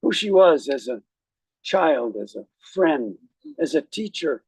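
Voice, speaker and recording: A man speaking as a rabbi at a graveside, giving a eulogy in a measured, reflective way with deliberate pauses. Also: on the high side, very animated, vocal fry, a little mellow, breathy edge, no room sound. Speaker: rabbi officiating at a funeral.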